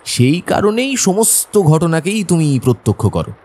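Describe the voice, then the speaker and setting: An actor playing Dr Watson, a genial, sceptical gentleman who tells the story in the first person, with expressive delivery and a husky voice. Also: fairly high pitch, normal speed. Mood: sceptical, animated.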